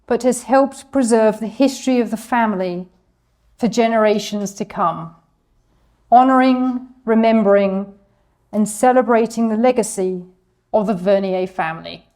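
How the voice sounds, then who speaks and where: A woman's voice: a little high, normal speed, a little mellow. A woman giving a scripted history presentation to an audience, reading steadily and stumbling a little over the French names. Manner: reads from a script, apologizes for her French pronunciation.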